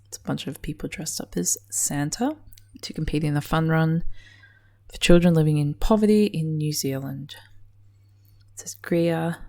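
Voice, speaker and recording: A woman's voice: low-pitched, moderate pace, mellow. An Australian woman giving casual gameplay commentary, muttering dryly to herself, swearing under her breath and often dropping into a whisper. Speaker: game commentator.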